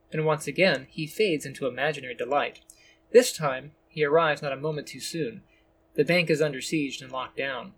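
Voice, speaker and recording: A man giving measured, descriptive scripted narration of a story. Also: a little high, a little hiss or hum.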